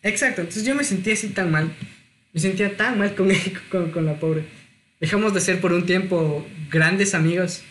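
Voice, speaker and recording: A man, telling a personal story in casual chat, lively and self-mocking. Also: high voice, normal speed, slight background noise. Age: 20s.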